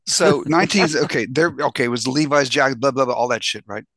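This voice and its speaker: A middle-aged man on a video call, telling animated, profane stories in a casual chat. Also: medium pitch, fast, no room sound.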